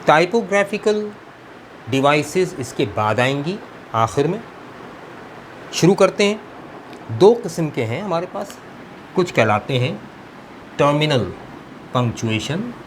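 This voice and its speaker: Male teacher, slow measured explainer, mid-pitched voice, noisy room with AC hum. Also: very animated. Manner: slow, deliberate teaching with mixed Hindi-Urdu and English. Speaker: English teacher. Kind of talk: explanatory lesson.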